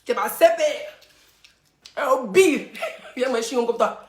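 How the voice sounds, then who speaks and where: Woman, high voice, mocking live-stream host, echoey phone audio. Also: expressive, a little slow. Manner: taunting, chanting insults, laughing.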